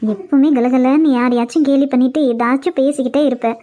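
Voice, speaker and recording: Voicing a bossy, caring older aunt for a cartoon web series, a woman scolds and coaxes in a Kanyakumari Tamil accent. She speaks fairly quickly in a high, steady, warm voice that stays close to her everyday one.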